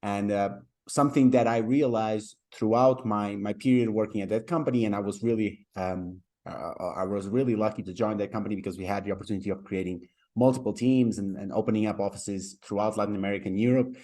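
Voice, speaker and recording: A man's voice: on the low side, a little fast, dark tone. Man, friendly and stumbling. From Portugal. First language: Portuguese. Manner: friendly, repeats words as he searches for phrasing. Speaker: startup co-founder guest. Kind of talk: interview on a video call. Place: home room by a large window. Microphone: webcam on a video call.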